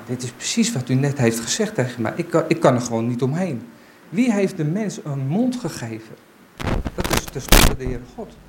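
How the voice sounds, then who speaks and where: A man speaking at a church gathering, giving an informal Bible talk and reading aloud. His delivery is halting and unsure, as he searches for his words. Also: fairly high pitch, noisy background.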